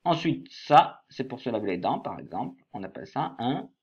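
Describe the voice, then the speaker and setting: A man gives a workbook lesson to young children at a middle pitch. He talks slowly and spells words letter by letter, and the audio is slightly dull and lo-fi. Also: very animated, slightly rough. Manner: slow, spells words letter by letter and stresses each syllable. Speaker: teacher.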